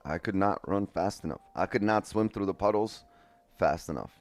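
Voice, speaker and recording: Here a man with a deep voice and a moderate pace chats casually with his live stream audience about the trades he's making. The day trading streamer is loose and talkative, curses from time to time, and speaks into a headset mic against faint background music.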